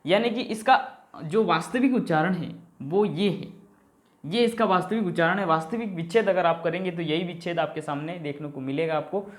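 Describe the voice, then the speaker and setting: Speaking in a high voice, a man leads an exam-prep grammar lesson. He raises questions only to answer them, treats viewers as companions, and keeps tossing in a quick "okay" to check in.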